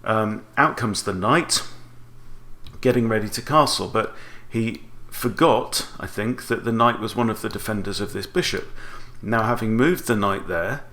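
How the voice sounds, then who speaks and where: Man calmly explaining chess moves. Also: lowish voice, measured pace. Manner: talks himself through options with rhetorical questions. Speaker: chess instructor. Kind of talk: explanatory game commentary.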